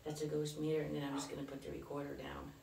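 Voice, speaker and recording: A middle-aged paranormal vlogger films a ghost hunt in a large old cellar, chatting nervously and swearing casually. Her voice is low, gravelly and darkish, monotone and fast, with a little hiss or hum. Recorded on a camera first on a tripod and then handheld, she sounds far off in an echoey basement.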